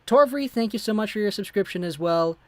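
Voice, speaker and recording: Reading viewer messages aloud and thanking subscribers, a young man runs a laid-back hockey livestream. His voice is high-pitched and lively, moving a little fast, with no room sound at all.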